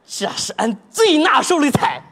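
A man's voice: extremely high pitch, huge pitch swings, moderate pace, creaky, fairly bright tone, exaggerated voice. A man playing an eager, boastful young army cook, speaking in a with folksy, exaggerated exclamations in a stage comedy sketch. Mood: excited, scolding. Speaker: cook soldier.

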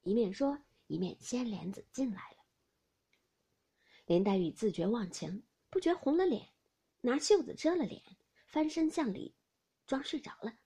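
A woman reading a classic novel aloud and acting out each character's lines with big pitch swings. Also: lively intonation, normal speed, long pauses, warm tone, slightly rough. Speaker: storyteller.

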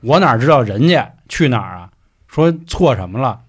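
A man co-hosting a casual podcast, telling a story in a brisk, animated way with crude slang. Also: mid-range voice, husky. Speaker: podcast co-host.

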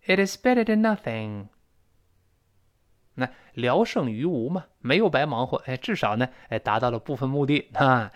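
Man teaching spoken English, slow drills. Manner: explains slowly, drawls sample phrases to show linking sounds; acts out both sides of a short dialogue with lifted pitch. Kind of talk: recorded audio lesson.

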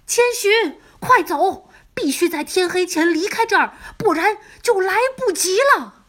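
A woman's voice: high voice, animated, a little slow, voice pushed up. A woman voicing an urgent young boy spirit. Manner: urgent, shouting warnings.

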